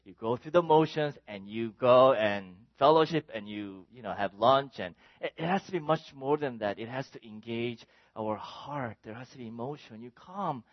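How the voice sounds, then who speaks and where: A man's voice: mid-range voice, no room sound. Guy preaching a sermon, voice swings up and down a lot, dry dull sound. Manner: animated, shouts exclamations to illustrate. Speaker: pastor.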